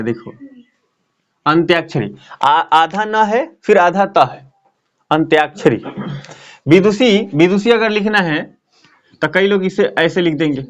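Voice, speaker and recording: The audio is dull, carrying a man's high voice as he gives a grammar lesson at a board. He explains in a talkative way, regularly checking in with his students.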